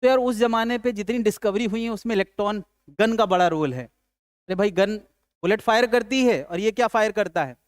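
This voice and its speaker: Man, physics teacher, casual lecture, chatty, jokey, high voice, smooth tone. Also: moderate pace, no echo, studio quality. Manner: chatty, calls students "yaar", asks and answers own questions; jokes with students.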